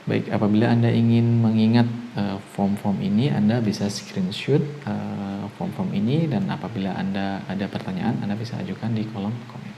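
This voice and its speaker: A man teaching an online English grammar lesson with an Indonesian accent, explaining step by step and ending nearly every phrase with a quick "ya". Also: on the low side, fairly even intonation, gravelly, dark tone, a little hiss or hum.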